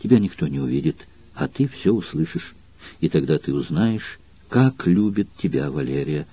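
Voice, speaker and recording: A man with a husky voice reading the lines of a passionate noble Roman woman in an audiobook, soft and anxious, often near a whisper. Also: sits low, sing-song, normal speed, no room sound, highs cut off, heavily acted.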